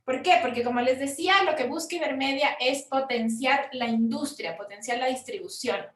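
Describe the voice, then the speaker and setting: A Chilean woman, a film producer, explaining funding forms in a frank, conversational workshop talk with quick asides. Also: sits high, a bit bright, reverberant, far from the mic. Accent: Chilean Spanish.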